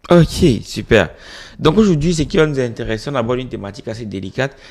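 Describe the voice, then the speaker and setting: A man hosting an interview in a casual, lively way, joking and often repeating the guest's words back. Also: medium pitch, fast. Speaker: interview host.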